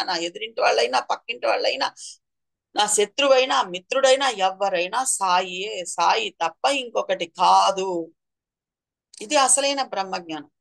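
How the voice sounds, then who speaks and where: A woman's voice: medium pitch, creaky, a bit bright. A woman giving a devotional talk, asking rhetorical questions, listing things one after another and acting out quoted sayings. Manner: rhetorical questions and repeated lists. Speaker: spiritual speaker. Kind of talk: devotional discourse.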